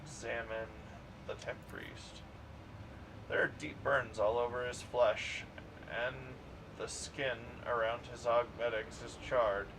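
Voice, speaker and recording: A man streaming a game, reading its narration in a plain, steady way. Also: mid-range voice, takes it slowly. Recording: distant mic with clear background noise.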